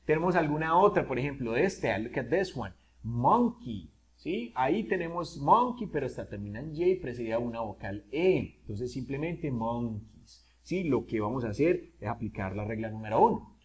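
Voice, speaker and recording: A man's voice: medium pitch, animated, moderate pace, few pauses, darkish tone. A man teaching an English grammar lesson in Spanish, asking his students questions and switching into English for examples. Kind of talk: classroom-style video lesson.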